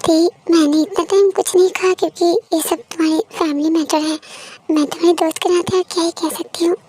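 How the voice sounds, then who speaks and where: A woman voicing a caring female friend gently encouraging the bride. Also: extremely high pitch, fairly even intonation, brisk. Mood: gentle.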